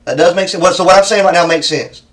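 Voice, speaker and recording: A man with a Southern US accent works as a police interrogator, speaking quickly in a slightly high voice. He is folksy but persistent and probing, throwing answers back as questions. The microphone is some distance away.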